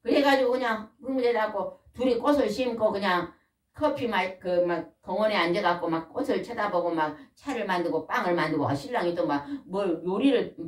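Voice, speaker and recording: Older woman preacher, folksy and lively, recorded at a distance in an echoey hall. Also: medium pitch. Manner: folksy, animated, asks the congregation questions. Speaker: pastor's wife preaching. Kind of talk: sermon. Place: church hall. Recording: echoey room, mic at a distance.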